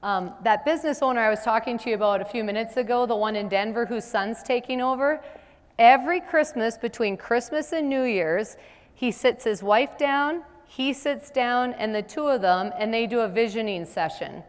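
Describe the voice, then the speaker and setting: A middle-aged woman leads a business seminar, talking with the room in a conversational way and checking in with a quick rhetorical question. Her voice rings with a long reverb, as if caught in a large hall. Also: on the high side. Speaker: seminar presenter.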